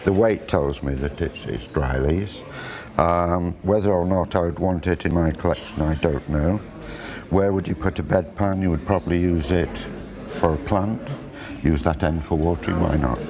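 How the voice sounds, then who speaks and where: A man in his sixties talking informally to camera about antiques, chatty and unhurried, on a lapel mic in an auction room. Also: low voice. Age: 60s. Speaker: antiques buyer and presenter. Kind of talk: informal explanatory talk to camera. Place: large indoor auction room. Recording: busy crowd murmur behind.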